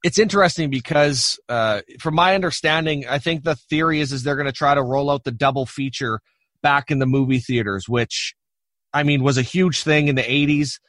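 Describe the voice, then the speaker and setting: A man's voice: medium pitch, normal speed, a bit bright, no room sound, clean studio sound. A man hosting a podcast in a casual, conversational interview style. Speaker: podcast host.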